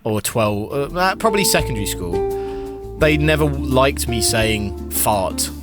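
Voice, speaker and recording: A man co-hosting a casual chat, telling a story in a halting, giggly way. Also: mid-range voice, animated, over loud music. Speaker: podcast co-host.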